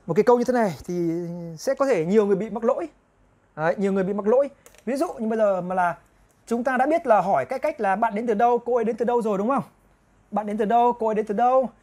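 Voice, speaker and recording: A woman teaching an online grammar lesson, explaining step by step and repeating example phrases slowly. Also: fairly high pitch, warm tone. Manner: explains step by step, often asking the viewers "right?". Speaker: English teacher.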